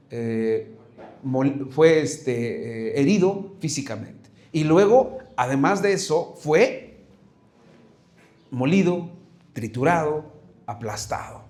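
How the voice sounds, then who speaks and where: A man's voice: mid-range voice, a little mellow. A man, preaching a sermon as pastor, earnest and searching, often restarting and asking rhetorical questions.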